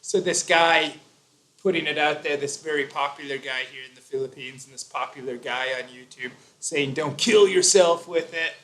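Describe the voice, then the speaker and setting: A man's voice: fairly high pitch, moderate pace, a bit bright. Chatty opinionated man hosting a livestream. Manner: opinionated, explains at length with fillers and restarts. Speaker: live stream host. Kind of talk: casual live stream chat.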